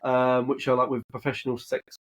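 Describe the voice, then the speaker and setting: A man's voice: mid-range voice, completely flat delivery, a little fast. A young man co-hosting a podcast, chatting casually and rambling with lots of fillers. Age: young adult. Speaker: podcast co-host. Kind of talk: casual chat.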